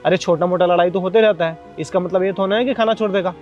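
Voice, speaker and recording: A man's voice: high voice, fairly even intonation, quick pace, highs cut off, soft background music, close to an everyday voice. A man playing a bossy but kind supervisor who scolds a worker into eating. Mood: scolding. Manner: scolding, persuasive. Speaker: actor in a comedy skit.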